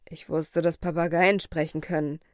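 A woman's voice: low-pitched, moderate pace, no echo, clean studio sound, pitched below the performer's own voice, natural voice. A woman voicing a kindly, eager male doctor in a storybook reading, speaking earnestly. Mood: puzzled. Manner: earnest, excitable.

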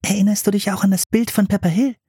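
A man voicing a bold, curious little girl in an audiobook, talking in a bright, mischievous way. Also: sits high, fairly even intonation, fast, slightly rough, dry recording, studio quality, voice pushed up. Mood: eager. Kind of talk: audiobook character voice.

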